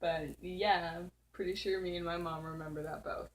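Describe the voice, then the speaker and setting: A woman's voice: fairly low pitch, fairly even intonation, moderate pace, poor audio. A teenage girl hosting her channel, casually telling a spooky story at home in a rambling way, full of "like" fillers and giggles. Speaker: channel host. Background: faint background noise.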